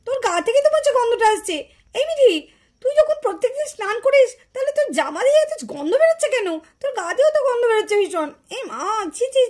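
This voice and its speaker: A woman voicing an impatient, bossy mother doll in a puppet cartoon, scolding loudly and insisting. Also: very high voice.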